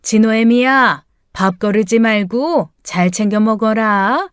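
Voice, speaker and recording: A pushy older mother-in-law from an audiobook story, bossy and grumbling as she drawls out her orders, as a woman narrator puts her on. The voice sits fairly high. The recording is dry and close, with no room sound. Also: takes it slowly, clear, resonant tone, no echo.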